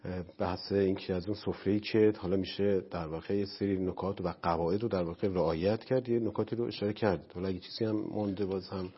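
A lower-pitched man hosts the talk show in a polite, deferential manner, full of formal courtesies toward his guest. His voice is a little husky. The recording is dull and lo-fi. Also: fairly even intonation, hardly any pauses. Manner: polite, deferential, honorific phrasing. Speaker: show host.

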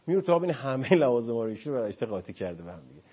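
A man, a guest expert on a talk show, explaining child-rearing in an animated way and acting out parents and children in quotes. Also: mid-range voice, husky, highs cut off.

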